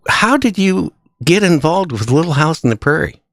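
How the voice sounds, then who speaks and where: A male radio host chatting with a guest in an excitable, jokey way that breaks into laughs easily. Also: a little high, moderate pace, no echo, studio quality. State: out of breath. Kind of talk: casual interview.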